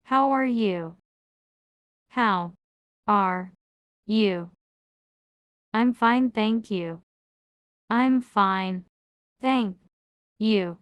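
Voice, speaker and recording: A woman teaching English, reading each question and answer, then repeating it word by word with long pauses. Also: mid-range voice, smooth, dry recording. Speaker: language teacher. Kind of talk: slow word-by-word English drill.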